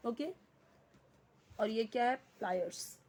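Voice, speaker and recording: A woman's voice: fairly high pitch, lively intonation, slow pace, a little mellow. A woman teaching an English grammar lesson in Hindi, explaining each word and asking and answering her own questions.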